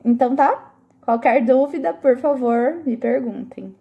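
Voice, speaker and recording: A woman's voice: sits high, animated, measured pace, creaky, phone-quality sound. A woman teacher giving a review lesson to eighth graders, explaining patiently and often stopping to check that the students follow. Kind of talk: recorded classroom review lesson.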